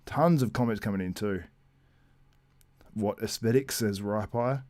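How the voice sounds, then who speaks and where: Chatty low-voiced male stream host. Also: moderate pace, darkish tone, no room sound. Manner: chatty, reads out viewer comments, frequent laughs. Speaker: livestream host. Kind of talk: casual live-stream commentary.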